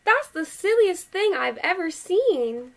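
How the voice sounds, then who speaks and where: A woman's voice: extremely high pitch, big pitch swings, slow pace, gravelly, voice pushed up, heavily acted. A woman voicing skeptical, disapproving female farm animals in a picture book.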